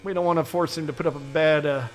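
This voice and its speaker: Excitable high-voiced male race commentator. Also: a little hiss or hum. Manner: excitable, quick to exclaim at incidents. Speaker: play-by-play commentator. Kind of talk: sim racing commentary.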